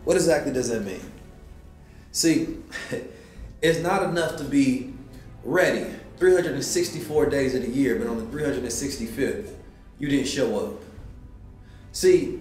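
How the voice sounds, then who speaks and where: A man giving a motivational talk in a somewhat high voice, preaching to his listeners and throwing out rhetorical questions. His voice rings in a roomy, echoey space, with faint music underneath. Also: a little mellow. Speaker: host.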